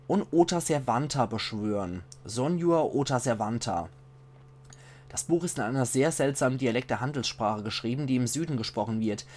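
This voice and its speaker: A man's voice: mid-range voice, darkish tone, slight background noise. Palatinate German man reading game texts. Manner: measured reading voice, slows for foreign titles. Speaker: let's play commentator. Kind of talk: reading game texts aloud with casual asides.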